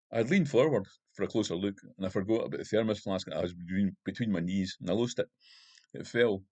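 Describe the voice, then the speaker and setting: Deep-voiced man reading his novel. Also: dry recording. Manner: steady, measured storytelling. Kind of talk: first-person novel reading.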